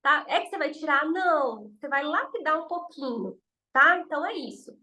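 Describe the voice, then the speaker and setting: High-voiced mineira woman teaching, chatty and reassuring, acts out quotes. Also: expressive, moderate pace, pushed and bright, poor audio. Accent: Mineiro Brazilian Portuguese. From Minas Gerais, Brazil. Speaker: exam prep teacher. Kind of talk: informal teaching talk to camera.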